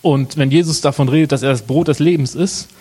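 A young adult man preaching a sermon, with dramatic pauses and slow, emphatic phrasing. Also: on the high side, warm tone, slightly rough. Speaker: pastor.

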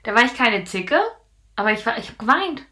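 A woman's voice: fairly high pitch, lively intonation, fairly quick, bright, forceful tone. A young woman co-hosting a podcast, chatting casually and bluntly, often laughing. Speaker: podcast co-host. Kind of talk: casual chat.

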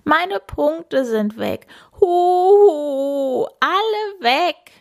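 A woman's voice: high-pitched, normal speed, vocal fry, pitched above the performer's own voice. A woman doing a sobbing shy young cheetah boy. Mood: tearful. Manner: whiny, tearful.

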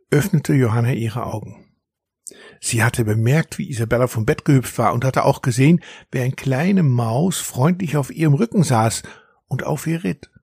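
A man reading a children's story aloud in an expressive storytelling manner. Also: mid-range voice, creaky, husky, no echo, clean studio sound. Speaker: narrator.

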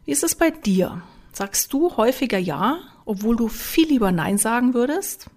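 A woman self-help coach giving a motivational talk, speaking straight to the listener with lively rhetorical questions. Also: on the high side, moderate pace.

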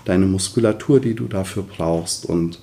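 A man with a somewhat low voice, speaking as a voice coach in an interview. He explains his field at length with enthusiasm, laying out his points one by one. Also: normal speed, mellow, a little hiss or hum. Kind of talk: conversational interview answers.

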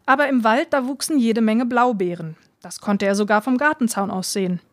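Clear-voiced woman reading a storybook. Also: a little high, a little fast, dry recording, clean studio sound. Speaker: reader.

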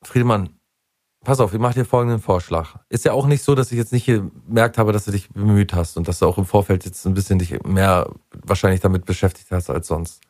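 A man's voice: fairly low pitch, fairly quick, darkish tone, no echo, clean studio sound. A man co-hosting a podcast, playing a stern coach in a comedy bit and lecturing his partner. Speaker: podcast co-host.

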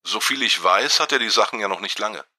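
Man voicing a brisk female detective. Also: on the low side, lively intonation, bright, forceful tone, dry recording, studio quality, full character voice. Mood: cheerful, surprised.

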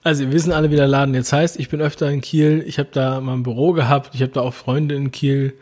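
A man in the middle pitch range gives casual reaction commentary on a TV clip. He talks bluntly and slangily and drops crude asides. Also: level tone, fast talker, darkish tone.

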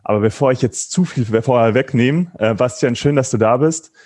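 A man's voice: mid-range voice, fairly quick, a little mellow. A man hosting an interview podcast, introducing his guest and asking questions in a friendly way with some fillers. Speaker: podcast host.

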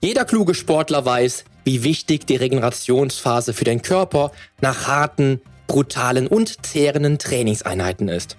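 A man's voice: medium pitch, animated, moderate pace, hardly any pauses, soft background music. A man hosting a fitness podcast, reading a sponsor spot and then asking long, searching questions. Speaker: podcast host.

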